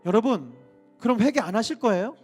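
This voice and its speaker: A man's voice: high-pitched, lively intonation, a little fast, faint music behind. A male pastor preaching an impassioned sermon full of rhetorical questions.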